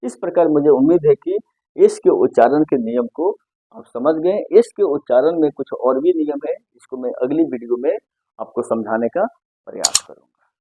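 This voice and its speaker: A man's voice: a little high, animated, normal speed, warm tone, husky, no room sound. A male teacher giving a pronunciation lesson, spelling words out letter by letter and repeatedly asking and answering his own questions. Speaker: English teacher. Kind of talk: grammar lesson. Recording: muffled, dry close recording.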